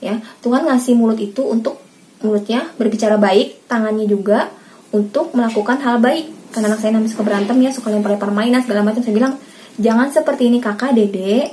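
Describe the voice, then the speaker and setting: A woman in her thirties, a mother sharing parenting tips in casual direct-to-camera advice, chatty and addressing viewers warmly by a pet name. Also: on the high side, fast talker. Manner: chatty, addresses viewers as Mams, acts out her kids' lines.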